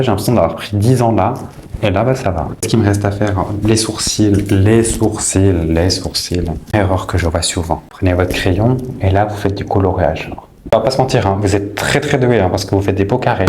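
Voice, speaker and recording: Man, lowish voice, chatty teasing makeup-tutorial host, faint background hiss. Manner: chatty and teasing, with playful asides.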